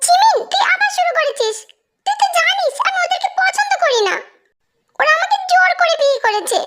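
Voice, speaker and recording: A woman doing a squeaky, stammering young man. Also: lively intonation, fairly quick, fairly bright tone. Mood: whiny. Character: flustered shy young man, stammering and protesting.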